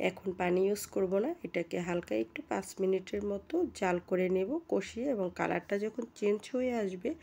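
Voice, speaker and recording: Hoarse female cooking host with a cold, easygoing recipe voice-over, middle pitch. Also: mellow. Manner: step-by-step, chatty instructions.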